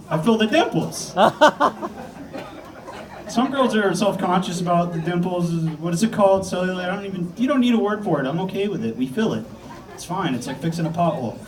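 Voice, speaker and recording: A man from the South Shore of Massachusetts performs a crude, self-mocking stand-up set, often laughing at his own jokes as he rambles. His voice sits high for a man. He is heard from a distance on a comedy club stage. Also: lively intonation, moderate pace.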